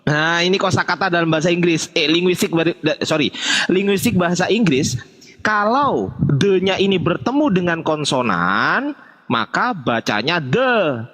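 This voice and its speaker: A man's voice: sits high, sing-song, normal speed, a bit bright, in a large hall. A man hosting a casual debate, explaining Arabic grammar in a self-deprecating way, with lots of fillers. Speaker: Islamic preacher and debate host.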